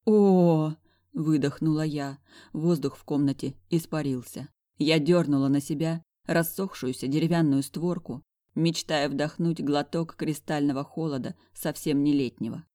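A reader narrating a novel in the first person, with lively delivery of the dialogue. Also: medium pitch, normal speed, dry recording, clean studio sound. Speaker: audiobook narrator. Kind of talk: scripted narration of a romance novel.

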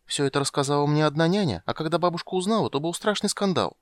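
Brief: chatty, insistent little princess girl, put on by a male reader; high, dry studio sound. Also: no room sound, lightly acted. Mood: excited, insistent. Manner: pleading, fast excited chatter.

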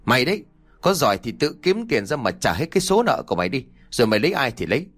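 A man's voice: mid-range voice, sing-song, fast, a bit bright. A man voicing a stern old village father who barks threats and orders at his son. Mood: domineering. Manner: barking, hissing threats.

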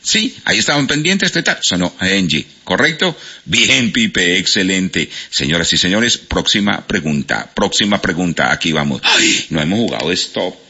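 A man's voice: deep voice, moderate pace, slightly rough. A man with a Colombian Spanish accent hosting a radio quiz, reading out listeners' answers. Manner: animated, reads out listener answers. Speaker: radio host. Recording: lo-fi radio broadcast.

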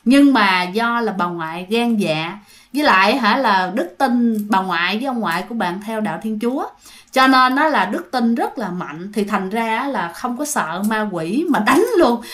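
A woman's voice: on the high side, lively intonation, moderate pace, a bit bright. A woman with a Southern Vietnamese accent telling a ghost story in a casual, chatty way, often addressing her listeners directly.

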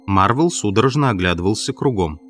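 A man narrating a novel as an audiobook in a measured, expressive storytelling manner. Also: lowish voice, soft background music. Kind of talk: scripted literary narration.

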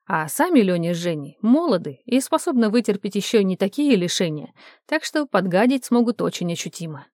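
A woman's voice: mid-range voice, big pitch swings, fairly quick, a little mellow, no echo. Woman reading an audiobook, dry sound. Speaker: audiobook narrator.

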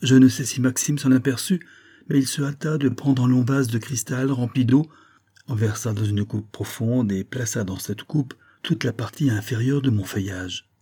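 Warm, husky male audiobook narrator. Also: mid-range voice, normal speed. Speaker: audiobook reader. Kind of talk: scripted literary narration.

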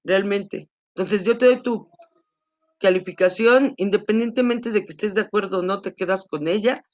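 A woman teacher patiently explaining class rules to students during an online class, repeating points to make them clear. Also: medium pitch, normal speed, darkish tone. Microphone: video call. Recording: dull lo-fi video call audio.

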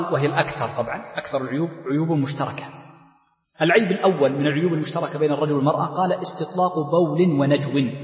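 A man teaching jurisprudence in a lesson, rattling quickly through his explanations and repeating key terms. His voice sits a little high. The recording is dull and lo-fi, with a roomy echo from a lecture hall. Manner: explanatory, repeats key terms, reads out the text and then comments. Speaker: sheikh teaching Islamic jurisprudence. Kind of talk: classroom explanation of a legal text.

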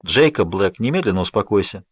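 A man reading an audiobook, voicing a young woman who gives hoarse, firm orders. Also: mid-range voice, expressive, a little fast, no room sound, lightly acted. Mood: urgent, commanding. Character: slight young woman, tense and commanding. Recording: dry, slightly dull audiobook recording.

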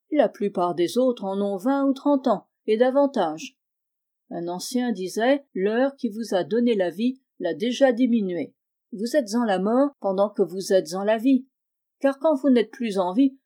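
Woman reading a male sorcerer, cunning, mocking, lofty and wordy, mellow voice, audiobook tale. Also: medium pitch, expressive, measured pace, lightly acted. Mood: lecturing.

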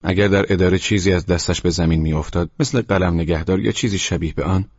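A man with an extremely low, husky voice reads a novel aloud in a calm, measured way, sometimes sinking almost to a whisper. The recording is very dry and slightly dull, with no room sound. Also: no echo. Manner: quiet, measured, at times near a whisper. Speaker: audiobook narrator. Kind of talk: scripted narration.

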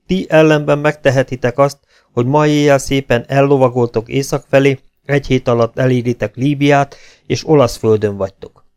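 A man's voice: mid-range voice, fairly even intonation, darkish tone, clear, resonant tone, lightly acted. A man reading an audiobook, voicing a brash, cheerful male legion captain who lectures his comrades bluntly. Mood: frank.

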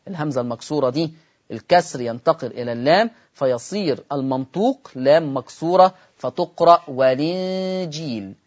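Egyptian man teaching recitation, dull audio. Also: a little high. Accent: Egyptian Arabic. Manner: explains with rhetorical questions, slows to model recitation. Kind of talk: televised religious lesson.

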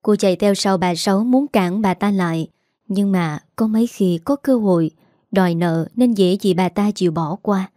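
A woman narrating a story in a gentle, measured way. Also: medium pitch, no echo, clean studio sound. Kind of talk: storytelling narration with character voices.

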